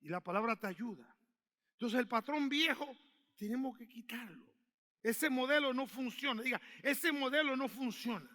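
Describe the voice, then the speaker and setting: A male pastor, preaching a sermon with shouts and call-and-response. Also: very high-pitched, moderate pace, big-room sound.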